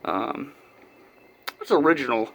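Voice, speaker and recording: Slow-talking lisping man, whistling s. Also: mid-range voice, lively intonation, poor audio. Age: 30s. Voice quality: lisp with whistling s from new braces. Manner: halting, pauses mid-sentence. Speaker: collector presenting own collection. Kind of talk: casual unscripted video tour. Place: inside a house.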